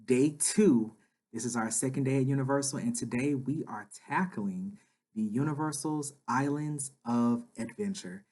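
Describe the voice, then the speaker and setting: A man's voice: mid-range voice, moderate pace, darkish tone. A man in his thirties, a father, chatty and upbeat as he narrates a family vlog voice-over, often saying "like". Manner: enthusiastic, chatty, says "like" a lot.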